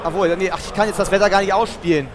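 A man's voice: high-pitched, steady tone, racing. A man in his thirties giving casual live commentary and asking questions as a show host. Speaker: game show host and player. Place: open booth at a games convention. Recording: noisy trade fair hall.

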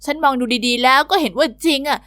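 Storybook narrator: woman, high and bubbly teen-girl delivery, dry close studio voice-over. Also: quick pace, sharp tone, no room sound. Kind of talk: scripted first-person story narration.

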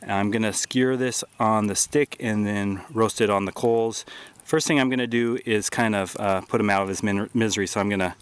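In a grassy park, a bushcraft video host in his forties explains outdoor survival cooking in a plain, matter-of-fact way, using plenty of filler words. His fairly low voice is clear and resonant, with a steady tone at normal speed.

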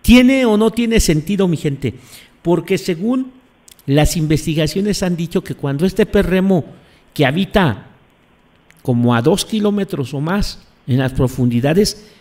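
A man's voice: on the high side, lively intonation, unhurried, darkish tone. A man hosting live commentary on earthquakes, emphatic, repeating phrases and putting questions to his audience. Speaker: host.

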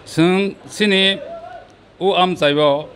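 A middle-aged man from Tripura with a Kokborok accent, the president of a sports committee, answering an outdoor interview with many pauses and fillers into a handheld mic. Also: high voice, a bit bright, a little hiss or hum. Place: open pavilion beside a sports ground. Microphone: handheld mic held by interviewer.

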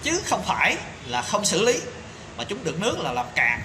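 A commentator in his thirties vents an indignant opinion to his phone camera, peppering it with rhetorical questions and fillers. He's in a small tiled room that echoes, with background noise. His high voice swings hugely in pitch at a moderate pace.

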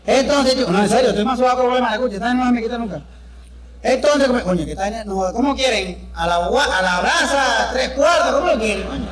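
A man with a Venezuelan accent doing crude, chatty live stand-up comedy on stage. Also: extremely high pitch. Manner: brash, crude, chatty storytelling with the crowd. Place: stage before a live audience. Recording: live show with crowd noise.

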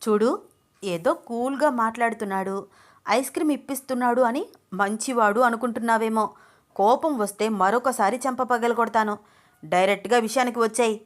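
A woman voicing a brash, short-tempered young man who talks loudly and bluntly in a told story. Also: a little high, moderate pace, natural voice. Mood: stern. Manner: loud, scolding, blunt.

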